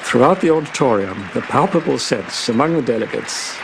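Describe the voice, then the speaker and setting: A man's voice: mid-range voice, expressive, a little fast, vocal fry. An American man giving documentary interview commentary on past events. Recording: noisy, crowd sound behind the voice. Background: crowd noise.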